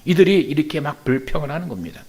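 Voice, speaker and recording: A male pastor with a fairly high voice preaching in a lively, storytelling manner. He talks to the congregation conversationally, often pausing on "uh" and posing rhetorical questions that he answers himself. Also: husky. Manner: animated, conversational, many "uh" fillers and rhetorical questions. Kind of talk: storytelling sermon.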